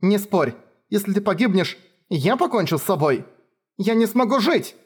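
A man reading an audiobook, voicing a tearful, devoted young woman warrior who pleads and breaks into shouts. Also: high-pitched, expressive, normal speed, breathy edge, pitched above the performer's own voice, full character voice. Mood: sobbing. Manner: pleading, sobbing, rising to shouts. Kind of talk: audiobook character voice.

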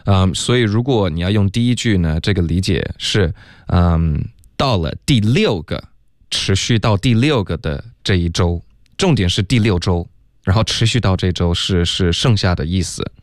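A man's voice: low-pitched, expressive, normal speed, dry recording, studio quality. A man teaching English pronunciation on a radio lesson, explaining step by step and saying "OK" often. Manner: patient, step-by-step, frequent "OK" and "嗯". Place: radio studio.

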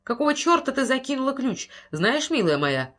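A woman's voice: sits high, sing-song, normal speed, a bit bright, voice pushed up. A woman reading the lines of an irritated middle-aged husband who bursts out angrily and bossily. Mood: annoyed. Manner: angry, bossy outbursts.

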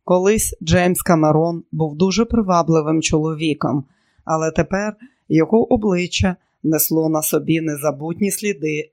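A man narrating an audiobook in a measured, steady way. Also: on the high side. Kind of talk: scripted narration.

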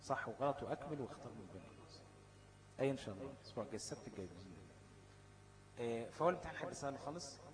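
A man's voice: medium pitch, animated, racing, long pauses, low-quality recording. A man with an Egyptian Arabic accent teaching a class on recitation rules. He poses questions to his students, answers them himself and keeps checking that they follow. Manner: checks in constantly with "okay?".

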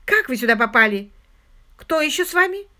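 A woman's voice: mid-range voice, animated, brisk, close to an everyday voice. A woman voicing a cold, scheming, secretive woman who speaks sharply and with a hiss in an audiobook. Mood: hostile. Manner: sharp and hissing.

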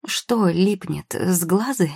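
A woman's voice: on the low side, lively intonation, takes it slowly, vocal fry, darkish tone, breathy edge, dry recording, studio quality, exaggerated voice. A woman reading a storybook who voices a patient young potion-maker girl, soothing and practical.

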